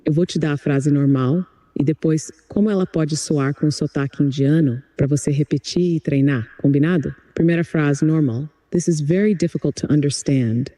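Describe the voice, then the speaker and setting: A man's voice: a little high, moderate pace, hardly any pauses, dark tone, no echo. A computer-generated male voice acting as an English tutor, speaking in an upbeat, encouraging, polished way. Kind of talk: chatbot voice giving an English lesson.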